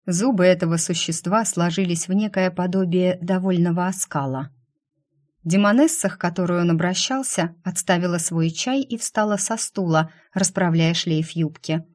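A woman's voice: on the low side, darkish tone. Woman reading a tense first-person audiobook. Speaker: audiobook reader.

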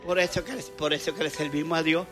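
A man's voice: fairly high pitch, fairly even intonation, a little fast, fairly bright tone, soft background music. A man preaching a fervent sermon, telling stories and acting out the dialogue with frequent laughter. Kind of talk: Spanish sermon with testimony.

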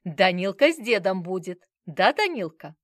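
A doting grandfather from an audiobook, teasing and instructive in a playful way, read by a woman. The delivery is animated, loud and lively. The recording is dry. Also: mid-range voice, normal speed, no echo. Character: doting, bossy grandfather holding toddler. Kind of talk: audiobook character reading.

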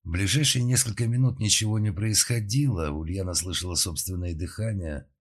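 A man reading an audiobook narration in a measured, even way. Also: deep voice. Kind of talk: scripted narration.

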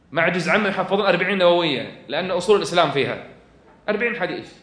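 A man preaching with a Kuwaiti accent, moving from quiet asides to loud, fervent exhortation. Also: a little high. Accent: Kuwaiti Arabic. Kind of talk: religious lecture to an audience. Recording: echoey room.

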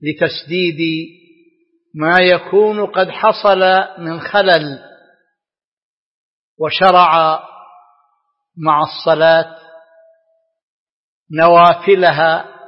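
A man giving a scripted religious lecture in formal standard Arabic, as a scholar, with measured, deliberate phrasing broken by pauses. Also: fairly high pitch. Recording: dull lo-fi, long hall reverb.

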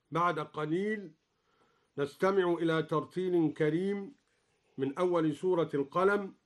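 A man explaining variant readings of scripture in a measured way, chanting each quoted verse in turn. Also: on the high side. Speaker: Quran recitation scholar.

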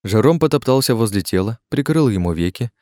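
A man narrating an audiobook in a steady, measured way. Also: medium pitch, dry recording, clean studio sound.

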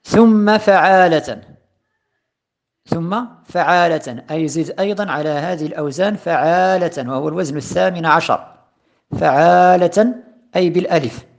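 Male grammar teacher, recorded lesson; deliberate, repeats and stresses patterns. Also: fairly high pitch, gravelly, dull audio. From Morocco. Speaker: teacher of Arabic morphology.

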